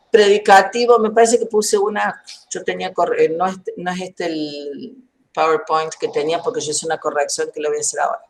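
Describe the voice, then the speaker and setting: A woman lecturer with a low, deep-set voice teaches a grammar class over an online session. She moves at an unhurried, deliberate pace, building each point through worked examples. She pauses to ask whether her students have followed. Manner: checks understanding with questions. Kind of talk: university lecture.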